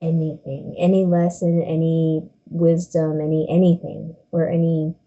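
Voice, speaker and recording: A woman interviewer with a very dark, mellow, lowish voice, asking questions in a casual, hesitant way as she searches for words. The sound is dull and lo-fi, as if coming over a video call. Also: little pitch movement, unhurried.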